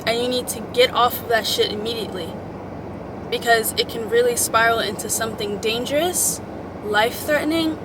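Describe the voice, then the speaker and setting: A woman's voice: fairly high pitch, background noise. A young woman chatting casually to her followers, giving motivational advice in an emphatic, girlfriend-to-girlfriend way. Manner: chatty, emphatic girl-talk with swearing and pet names. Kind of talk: casual motivational chat to the audience.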